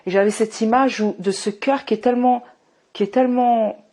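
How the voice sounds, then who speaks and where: A woman in her thirties from France giving a personal faith testimony, emotional and often restarting, moving between hushed and fervent speech. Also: on the high side, fairly even intonation, normal speed. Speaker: testimony speaker.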